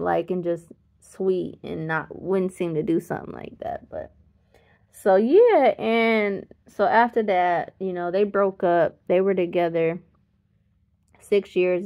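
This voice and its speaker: Gravelly, tired woman rambling through a story. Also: fairly low pitch. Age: 30s. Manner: rambling, self-correcting, chuckles mid-sentence. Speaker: vlogger. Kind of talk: casual storytelling. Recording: slightly dull lo-fi sound.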